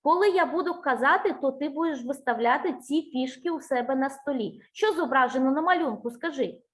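A woman's voice: high voice, a little fast, a bit bright. A woman giving a one-on-one speech lesson to a child, patient and encouraging, asking many questions and singing out vowel sounds to demonstrate them. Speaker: speech teacher.

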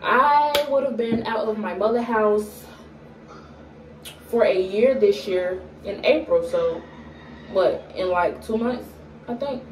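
A young vlogger from Atlanta, Georgia chats casually to a camera held at arm's length, getting viewers to know her in a small room at home. Her mid-range voice sounds a bit far and off-mic, with room echo and slight hiss or hum. She talks unhurriedly, with many fillers and pauses, and sometimes stutters.

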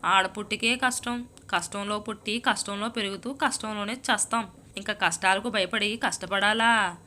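A woman's voice: mid-range voice, steady tone, moderate pace, bright, forceful tone, slight background noise, natural voice. Woman reading a melodramatic serial-obsessed wife. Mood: self-pitying. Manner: sighing scoffs, self-pitying, complaining. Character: young married woman, melodramatic, hooked on TV serials. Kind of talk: storybook reading.

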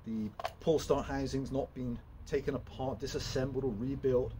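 At a normal speed and with a steady tone, a young man of medium pitch rambles casually through a walkthrough, restarting and using fillers throughout. He's a chainsaw vlogger recorded from some way off in an open woodshed with log piles, with background noise present.

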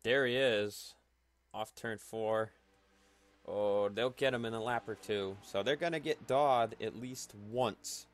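A man giving calm, analytical play-by-play commentary for a simulated stock car race, with faint noise behind him. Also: on the low side, a little slow. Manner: calm, analytical play-by-play that rises sharply at wrecks. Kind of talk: solo sim racing commentary.

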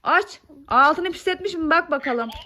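A woman, a mother, chatting with her small children in a casual family vlog, coaxing and gently scolding them. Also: extremely high pitch, measured pace. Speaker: mother filming her kids.

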